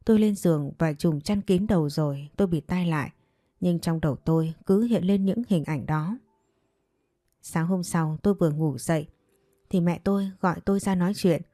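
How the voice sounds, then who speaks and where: A woman telling a first-person story in an even, steady, sorrowful manner. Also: on the low side, moderate pace, dry recording. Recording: dry voice with faint background music.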